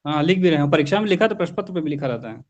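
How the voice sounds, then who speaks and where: A man's voice: fairly high pitch, expressive, rapid-fire, dry recording. A man joining an online class, mostly giving short agreeing replies and brief comments. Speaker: co-participant in the class.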